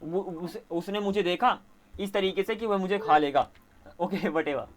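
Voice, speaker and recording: A man's voice: high voice, measured pace, slight background noise. A man with an Indian accent teaching a spoken English lesson, patiently explaining and mixing Hindi with English. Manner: explains patiently, often asks "theek hai na?".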